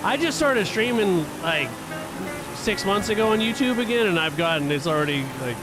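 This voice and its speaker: A man casually chatting with his viewers while he live-streams a racing game. He talks in a relaxed way and chuckles often. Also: high-pitched, moderate pace, over music. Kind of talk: casual gaming stream chat.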